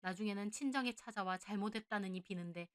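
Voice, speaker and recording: A woman's voice: medium pitch, fast. Woman narrating a heated revenge story. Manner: indignant, heated retorts in quoted dialogue. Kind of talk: dramatic first-person story narration.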